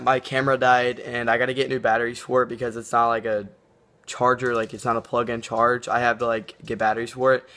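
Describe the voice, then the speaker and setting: Bright-voiced young man in an echoey room. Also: mid-range voice. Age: teens to young adult. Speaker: video host. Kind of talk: casual vlog chat. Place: indoors in a room at home.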